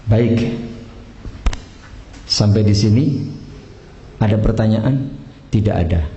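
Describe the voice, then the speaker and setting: A man's voice: lowish voice, slow pace, creaky, mellow, muffled recording, a little hiss or hum. A man with a Javanese accent teaching a religious class on the call to prayer, joking and teasing his students as he goes. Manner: joking, teasing, mixes local slang into teaching. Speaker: Islamic teacher training imams and muezzins. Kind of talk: casual religious class instruction.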